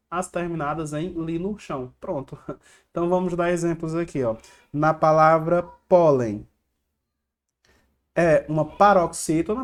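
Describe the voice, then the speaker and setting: Over slides, a Brazilian man runs an online exam-prep grammar lesson, posing questions to the viewer and answering them himself. He repeats catchy rhymes as drills, speaking at a fairly high pitch.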